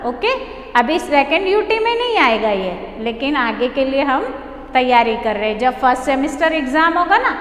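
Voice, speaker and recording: A woman, a primary school teacher, teaching a children's poem slowly and patiently in a sing-song way, often checking with a little question. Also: high voice, a bit bright. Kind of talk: online class lesson, teaching a poem. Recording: echoey room with long reverb, faint hum.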